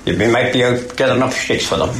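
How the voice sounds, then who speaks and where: An older Irish man reminisces in plain, informal speech at a middling pitch. The recording is very echoey, with faint noise behind him. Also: expressive, fast talker, fairly bright tone.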